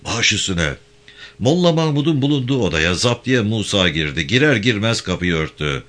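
A man narrating a story with an expressive reading. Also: fairly low pitch, fairly quick. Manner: expressive, lively delivery. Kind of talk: storytelling read-aloud.

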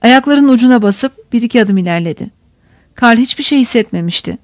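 A woman reading a crime novel aloud as an audiobook narrator, in a steady, measured storytelling manner. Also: on the high side, no room sound, clean studio sound.

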